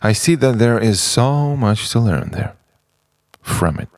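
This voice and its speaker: Speaking in deliberate, halting phrases with dramatic pauses, a man performs an introspective, poetic spoken-word monologue. His medium-pitched voice is gravelly, expressive and a little mellow, at times dropping toward a whisper, recorded at studio quality with no echo.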